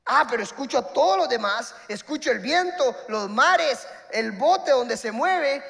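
A man, preaching a sermon and telling a funny personal story with animated, acted-out voices. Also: very high voice, measured pace, vocal fry, in a large hall.

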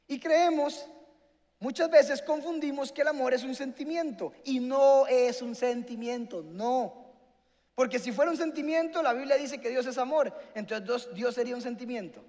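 A man's voice: very high-pitched, darkish tone. A man preaching a sermon and asking the congregation questions. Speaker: pastor. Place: church hall. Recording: long hall reverb with faint music.

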